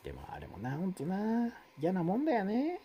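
A man's voice: wildly swooping pitch, brisk, lo-fi sound, a little hiss or hum. A man hosting a live stream, chatting casually with viewers and reading their comments, rambling with many fillers. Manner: rambling, many fillers, wide swings in pitch.

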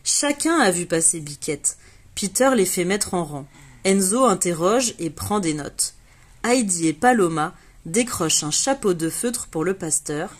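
Husky woman reading a children's storybook. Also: on the low side. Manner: lively, puts on bright voices for the children in the story. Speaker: reader of a children's book.

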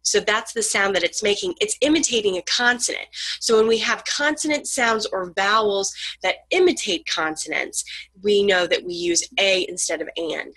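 A woman's voice: mid-range voice, bright, forceful tone, no echo, poor audio. A woman lecturing on grammar, explaining patiently with frequent ums and sounding out letters.

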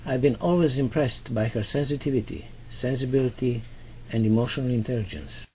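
A man, the filmmaker and author, speaking in earnest, measured reflective commentary. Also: mid-range voice. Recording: dull lo-fi with faint noise.

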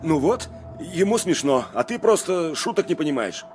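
A man's voice: a little high, big pitch swings, moderate pace, darkish tone, faint music behind. A man playing an anxious but defiant family man held hostage, in dubbed game drama style. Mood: wry, defiant.

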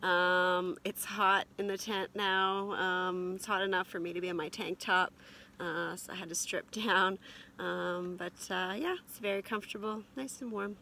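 A woman in her forties chatting casually to camera from inside a heated canvas tent, relaxed and rambling with lots of ums. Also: fairly low pitch, unhurried, a little hiss or hum. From Canada. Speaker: camping vlogger. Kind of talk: casual vlog chat. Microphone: camera at arm's length and on a stand.

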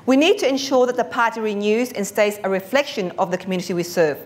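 A woman's voice: mid-range voice, fast talker, a little hiss or hum. A middle-aged woman speaks at a lectern in a conference hall in a mid-range voice. Her delivery is formal, earnest and composed. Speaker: former councillor.

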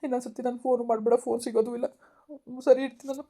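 A woman's voice: on the high side, rapid-fire. A woman playing a poor young man who firmly ends things with his girlfriend, speaking. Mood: firm pleading. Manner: flat, reasoning, firm.

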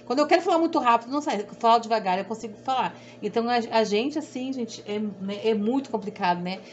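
Middle-aged woman with a southern Brazilian accent, a sewing instructor who chats and rambles, voice a touch high, muffled recording. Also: expressive, fast. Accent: southern Brazilian Portuguese. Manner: rambling, repetitive, self-deprecating. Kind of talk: chatty sewing tutorial. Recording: dull audio with faint background hum.

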